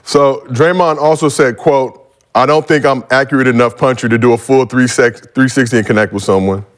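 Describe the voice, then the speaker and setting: A man's voice: mid-range voice, fairly even intonation, fairly quick. A man hosting a sports podcast, moving topics along with jokey setups. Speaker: podcast host. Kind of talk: casual sports chat.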